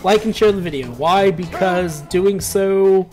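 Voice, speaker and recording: Over soft background music, a gameplay commentator rambles and rants casually through a match, leaning on lots of filler words. His mid-range voice runs a little slow with a darkish tone, and his manner stays laid-back.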